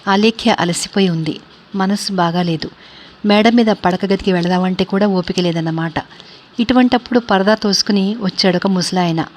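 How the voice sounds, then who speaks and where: A woman's voice: medium pitch, moderate pace, slight background noise. Woman reading a novel aloud. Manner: steady storytelling. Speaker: audiobook narrator.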